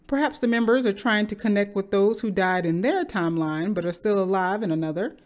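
A woman narrates an explainer at a middle pitch. She speaks in a measured, speculative way, laying out ideas as a video creator would in a scripted commentary. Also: darkish tone.

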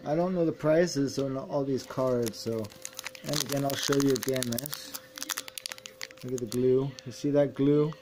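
An agitated man talking to the camera as he opens card packs, stumbling over his words and repeating himself. His pitch sits in an ordinary middle range. A faint noise hangs under the recording. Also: measured pace. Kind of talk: casual unboxing vlog.

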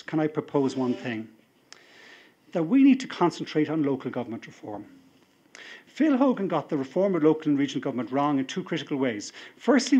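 A man's voice: on the high side, darkish tone, husky. A middle-aged Irish man giving a rousing political convention speech as party leader at a podium microphone in a large hall. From Ireland. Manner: rousing speech-making, building to emphatic appeals. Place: large hall with a seated audience, indoors.

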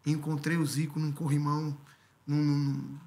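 A gravelly Brazilian man in his fifties recounts his playing days in an unhurried, chatty way. His voice sits a little high for a man, and he talks close to a studio mic. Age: 50s. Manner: relaxed storytelling with many tag questions. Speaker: guest, former footballer and coach. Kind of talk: casual interview. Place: podcast studio. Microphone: studio mic on stand.

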